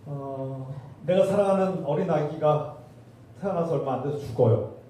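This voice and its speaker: A man's voice: on the high side, normal speed, warm tone. A male pastor preaching a sermon, asking the congregation rhetorical questions. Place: church sanctuary. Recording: distant roomy church recording.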